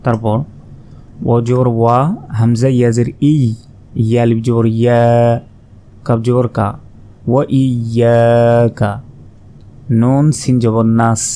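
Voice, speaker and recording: A man teaching recitation, spelling out each syllable slowly and then reciting with long drawn-out vowels. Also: medium pitch, monotone, dark tone, a little hiss or hum. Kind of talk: slow spelled-out pronunciation lesson.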